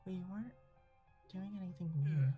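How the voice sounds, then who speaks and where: A woman plays a bashful young woman from a visual novel. She is soft-spoken and hesitant, answering briefly and gently over faint music. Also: lowish voice, moderate pace, breathy edge, phone-quality sound. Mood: shy, unsure. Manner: hesitant, quiet, brief replies. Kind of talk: amateur visual novel voice acting.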